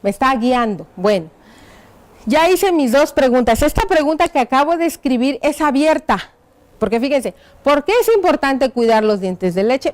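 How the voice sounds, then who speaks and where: A woman teaching a primary school lesson on TV, talking slowly and patiently and spelling out each word as she writes, checking in with the children. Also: on the high side. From Mexico. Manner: asks the pupils rhetorical check-in questions. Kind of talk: classroom lesson on TV.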